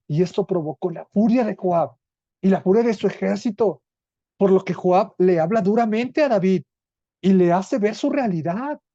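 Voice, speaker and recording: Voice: medium pitch, mellow, no echo, lo-fi sound. A Bible study teacher with a Mexican accent, reading scripture aloud and explaining it in an earnest way, with small restarts.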